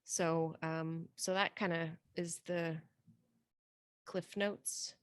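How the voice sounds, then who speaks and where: A woman's voice: on the low side, steady tone, drawn-out words, smooth, dry recording, studio quality. A woman from Romania, a dental hygienist and practice owner, chatting casually and joking in an interview.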